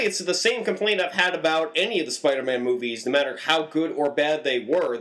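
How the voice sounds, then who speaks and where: A man talks through a film review in a casual, conversational way. His voice sits a little high and jumps up further when he stresses a point. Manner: animated, swings pitch up for emphasis.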